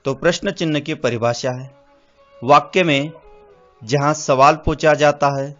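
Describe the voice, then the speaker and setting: A man teaching grammar, dictating definitions in short, measured phrases. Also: on the high side. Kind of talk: slow, deliberate classroom explanation. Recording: slightly dull audio with faint music.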